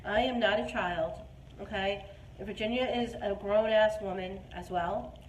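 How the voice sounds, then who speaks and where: Speaking a little slowly in a medium-pitched voice, a dating advice host in her forties talks emphatically with her live audience. The room is echoey, and background noise comes through clearly.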